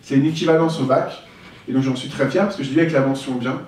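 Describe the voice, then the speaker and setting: A man's voice: mid-range voice, fairly even intonation, quick pace, darkish tone. A man giving a candid, reflective talk about his own life, telling it as a personal testimony. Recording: echoey room, voice from far off.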